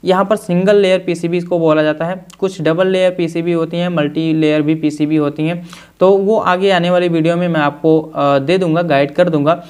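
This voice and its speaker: A man's voice: fairly high pitch, steady tone, normal speed, darkish tone, clean tone. Man explaining a circuit board repair. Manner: explains step by step, with fillers and repeated phrases. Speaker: electronics repair instructor. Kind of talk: tutorial explanation.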